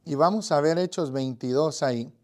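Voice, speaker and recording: A man's voice: on the high side, normal speed. A man from Guatemala with a Guatemalan accent, giving an earnest Bible lesson on evangelism and speaking directly to the listener with frequent fillers. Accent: Guatemalan Spanish. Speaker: evangelism teacher.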